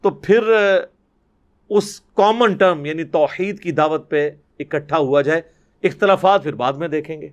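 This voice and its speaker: A middle-aged man with a Pakistani accent leads a religious lesson, his voice pitched a little higher than most men's. He recites Arabic lines in a slow, drawn-out chant, then moves into quick, animated explanation, stressing key words. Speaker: Quran teacher. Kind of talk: religious lecture.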